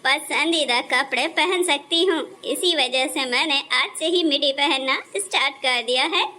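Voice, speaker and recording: A carefree, modern young daughter-in-law from a cartoon, voiced by a woman. Her voice is high and bright. She chats breezily and slips English words into her speech. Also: a little slow, a little hiss or hum. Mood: breezy. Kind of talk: Hindi cartoon dubbing.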